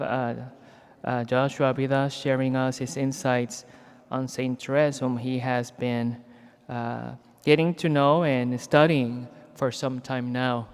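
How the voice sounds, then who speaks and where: A man hosting an event in a large church introduces the guest and reads out announcements. His voice is smooth and resonant at a middle pitch, and he talks in a chatty, joking way. A long reverb hangs behind every phrase. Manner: chatty, joking, with many fillers. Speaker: host introducing a speaker.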